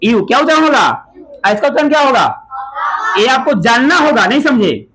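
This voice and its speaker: A man's voice: extremely high pitch, very animated, moderate pace, background noise. Man teaching a class, quizzing pupils. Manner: asks the class short repeated questions.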